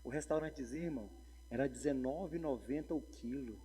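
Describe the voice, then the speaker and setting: A pastor, preaching a sermon full of humorous stories and calls to the congregation. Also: male voice, medium pitch, fairly quick, dark tone, a little hiss or hum. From Brazil. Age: 40s. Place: church sanctuary. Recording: long church hall reverb.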